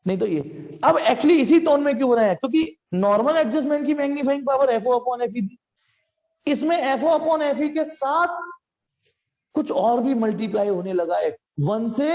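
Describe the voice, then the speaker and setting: A man's voice: very high voice, lively intonation, normal speed, a little mellow. Guy teaching physics to his class, jokey n chatty, calls the kids beta, lots of long reverb on the voice. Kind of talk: live online class lecture.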